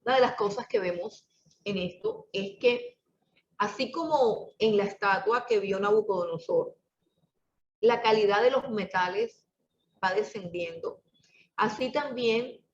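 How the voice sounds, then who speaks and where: Slow, emphatic woman teaching scripture. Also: medium pitch. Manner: slow and emphatic, repeats key words for stress. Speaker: Bible teacher. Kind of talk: Bible study lesson. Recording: distant, echoey, muffled room recording with faint noise.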